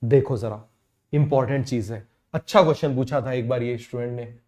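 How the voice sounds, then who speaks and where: A man teaching biology in a quick call-and-response lecture, firing questions at students and repeating each answer himself. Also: medium pitch, fairly even intonation, darkish tone.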